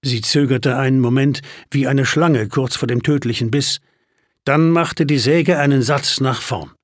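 A man narrating a first-person story as an audiobook, animated, with sudden rises in pitch. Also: unhurried, no echo, studio quality.

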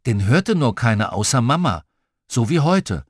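A man narrates a children's story in a playful, expressive way, his pitch swinging widely from line to line. The voice sits at a middle pitch for a man, and the recording is dry and close with no room around it. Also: moderate pace, dry recording. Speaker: audiobook reader.

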